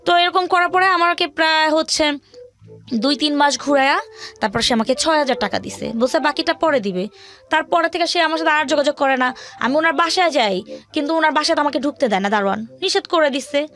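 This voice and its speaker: A young woman from rural Bangladesh, speaking with a Bangladeshi accent, tells an interviewer the story of her life and its hardships. Her voice is high and fairly bright and her delivery brisk, rambling and colloquial with repeated phrases, over soft background music.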